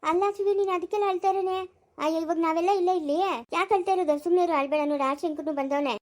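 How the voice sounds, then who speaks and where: Woman voicing a consoling sister-in-law for a family cartoon, soft and high. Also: fairly even intonation, very fast. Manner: soothing, consoling. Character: kind elder sister-in-law.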